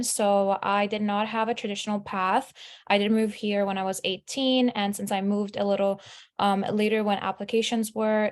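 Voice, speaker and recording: A woman in her twenties from Lebanon giving a chatty, upbeat presentation over a video call, with frequent fillers. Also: medium pitch. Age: 20s. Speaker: student speaker.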